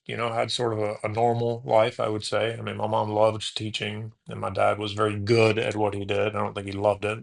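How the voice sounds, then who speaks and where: A podcast host in his late forties from Houston tells his story in a loose, rambling way. His mid-pitched voice carries a gravelly crackle. He keeps backing up to correct himself and drops in "man" and "dude". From Houston, USA. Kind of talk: casual storytelling interview answers.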